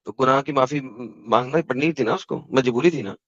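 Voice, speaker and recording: A man's voice: medium pitch, fairly bright tone, no room sound. Insistent Indian man in a call debate. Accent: Indian Hindi. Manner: insistent, rapid-fire, quotes verses and references. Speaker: debate host. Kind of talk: heated online debate. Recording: dull, dry call audio.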